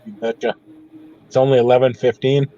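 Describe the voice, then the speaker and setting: A man's voice: medium pitch, flat delivery, a little fast, warm tone, highs cut off. A man who is a regular of the stream, chatting in an easygoing, folksy way over a call. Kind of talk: casual chat.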